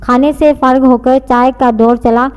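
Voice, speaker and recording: Higher-voiced woman reading a novel aloud. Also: fairly even intonation, moderate pace, a little mellow, smooth. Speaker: story narrator. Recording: long reverb.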